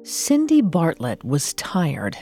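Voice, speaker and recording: An American woman co-hosting a true crime podcast, narrating scripted material with deliberate, dramatic delivery. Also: deep voice, wildly swooping pitch, warm tone, soft background music.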